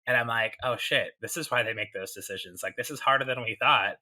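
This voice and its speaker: A man in his thirties hosts a podcast interview, his medium-pitched voice bright and pushed and moving a little fast. He chats loosely and casually, posing long, rambling questions with several parts.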